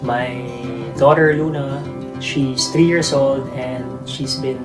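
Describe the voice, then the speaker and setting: A man's voice: medium pitch, steady tone, takes it slowly, low-quality recording. A man in his late thirties, a father, introducing himself casually with slight hesitation. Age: 30s. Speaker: interviewed father. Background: guitar music.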